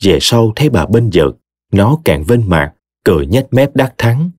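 Expressive low-voiced male storyteller. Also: normal speed, breathy edge, dry recording, clean studio sound. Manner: expressive, dramatic reading. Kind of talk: audio story narration.

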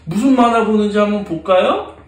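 A man leading a toddler Sunday school lesson as the children's pastor, asking the little ones questions in an animated, sing-song way. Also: sits high, brisk, reverberant, recorded from a distance. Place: church classroom.

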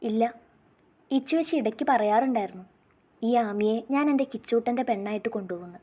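A woman voicing a cheerful, playful teenage girl who talks in an excitable, teasing way. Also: a little high, a little fast, natural voice. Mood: chatty.

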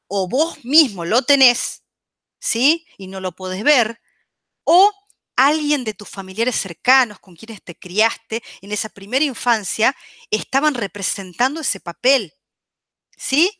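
A woman's voice: on the high side, lively intonation, measured pace, no room sound, clean studio sound. A woman explaining psychology on a radio talk show. She keeps checking in with her listeners and talks in a chatty way, with many fillers and restarts. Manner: checks in constantly with the audience, warm teaching tone.

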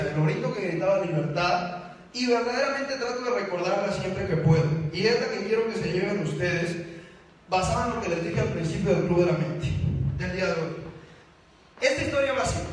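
A man giving an energetic live motivational talk, often turning to question the audience. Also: high-pitched, slight background noise. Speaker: motivational speaker. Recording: echoey hall from far off.

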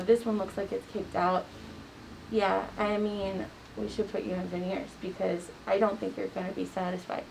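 A woman dentist speaks through a face mask, her words a little muffled as she explains treatment to a patient. She is easygoing and chatty, with a gravelly edge to her voice. The recording carries clear background noise from the dental office. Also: mid-range voice, mellow. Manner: easygoing, chatty, many "like" fillers.

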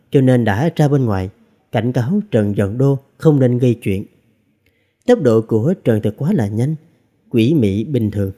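A man with a mid-range voice reads a fantasy novel as an audiobook narrator, telling the story expressively.

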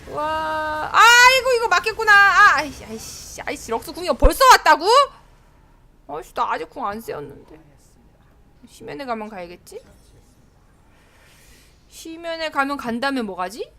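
A woman's voice: sits high, lively intonation, moderate pace, pauses often, sharp tone, a little hiss or hum. A woman streaming a game live, chatting to herself and her teammates and often breaking into exclamations. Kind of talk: live gameplay commentary.

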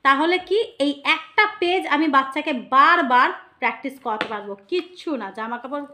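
A woman teaching letter sounds, slowly sounding out each letter and answering her own questions. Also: high voice, bright, forceful tone, a little hiss or hum. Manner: slow, sounding out letters one by one. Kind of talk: phonics lesson for parents.

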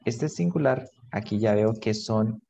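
Slow, gravelly-voiced male teacher. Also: on the low side, mellow, a little hiss or hum, poor audio. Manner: slow, patient, repeats words and translates between English and Spanish. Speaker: English teacher. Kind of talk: online English grammar lesson.

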